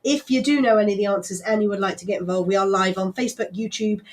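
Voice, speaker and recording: A woman's voice: medium pitch, fast talker. A woman hosting a live local radio show with a West Country English accent, chatting casually and rambling with frequent laughs and fillers. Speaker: radio host.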